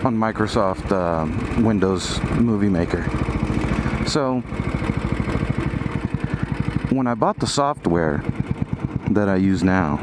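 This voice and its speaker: A man's voice: lowish voice, lively intonation, a little slow. A middle-aged man chatting casually and rambling as he rides a motorcycle, speaking inside a helmet. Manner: rambling, thinking aloud. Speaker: motorcycle vlogger. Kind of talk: casual chat while riding. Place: outdoors on a motorcycle in traffic. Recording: helmet mic with loud motorcycle engine noise.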